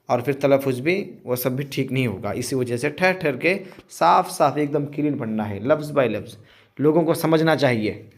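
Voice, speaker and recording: A man teaching Quran reading, drawing out each letter sound slowly and clearly, then explaining with speech. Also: mid-range voice. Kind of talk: slow recitation lesson.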